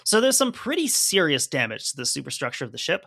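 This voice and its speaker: Bright, tense-voiced male podcast host. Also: on the high side, sing-song, fast talker, creaky, dry recording, clean studio sound. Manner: conversational, hedging with fillers while explaining. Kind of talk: casual chat reading from a report.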